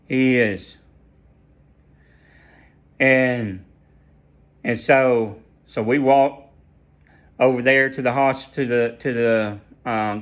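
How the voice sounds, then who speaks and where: A man's voice: mid-range voice, fairly bright tone. A man sharing a personal faith testimony in a casual storytelling way, earnest and prone to repeating and restarting his phrases.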